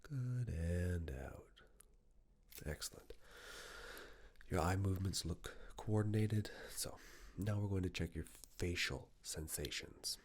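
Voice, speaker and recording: A man's soft, low voice and breathy, husky whisper guide the listener through calm, measured instructions as part of an ASMR roleplay of a medical exam.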